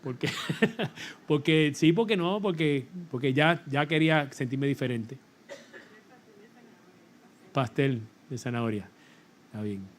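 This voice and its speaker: A middle-aged man, preaching a lively sermon in a church, laughing often and calling for the congregation to repeat after him. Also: medium pitch, slow, long pauses, slight background noise. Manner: animated preaching with laughter and call-and-response. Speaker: pastor. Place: church sanctuary.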